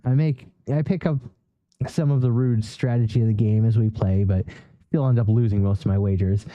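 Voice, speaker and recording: A man's voice: lowish voice, steady tone, moderate pace, dark tone, no echo, lo-fi sound. A man narrating a solo role-play journal in first person, reading aloud with small stumbles and self-corrections.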